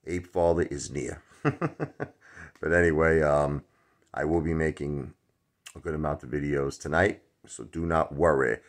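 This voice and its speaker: A man, chatting rambly to his phone camera in a dark room at home. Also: a bass voice, steady tone, a little slow, long pauses. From Brooklyn, New York. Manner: rambling, chatty, many fillers. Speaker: stock vlogger. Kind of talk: casual chat to camera. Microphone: phone at arm's length.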